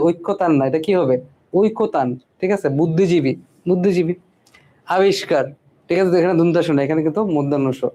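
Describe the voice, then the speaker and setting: A man leads students through spelling, his voice mellow and dark yet a little high for a man. Words get repeated several times, and he keeps asking "ঠিক আছе?" to make sure everyone follows.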